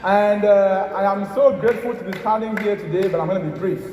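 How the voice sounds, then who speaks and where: A man's voice: sits high, quick pace. A man giving a humble, grateful welcome speech on stage as an event organizer. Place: large event hall stage. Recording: echoey event hall, audience noise.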